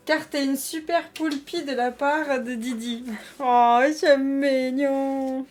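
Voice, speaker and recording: Lady streaming, chatty, bit high voice, lots of euh and restarts. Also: steady tone, slow pace, a little mellow. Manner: chatty, talks to her chat, many fillers and restarts. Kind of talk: casual live-stream chat.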